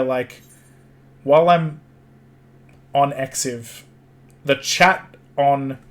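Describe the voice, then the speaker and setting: Rambling male game streamer. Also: medium pitch. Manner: rambling, repeats himself. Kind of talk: casual game chat.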